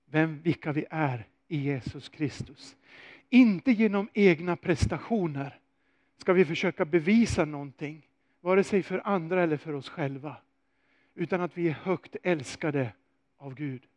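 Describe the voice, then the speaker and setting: A man preaching a sermon, telling a story with animated swings and rhetorical questions. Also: a little high, dry recording.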